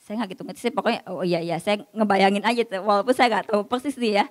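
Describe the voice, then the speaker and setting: A woman's voice: medium pitch, fast, in a large hall. A woman preacher giving a casual, story-filled sermon, acting out the voices she quotes.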